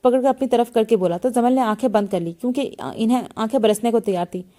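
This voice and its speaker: Reading a romance novel aloud, a woman voices every character herself in a lightly shifted voice, frequently stumbling and restarting her words. Her voice is a little high, warm, and quick.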